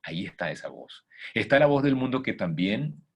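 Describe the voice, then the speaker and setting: A man's voice: lowish voice, sing-song, normal speed, husky. A man giving a motivational talk as a coach, emphatic and asking listeners rhetorical questions. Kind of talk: motivational talk with faith content.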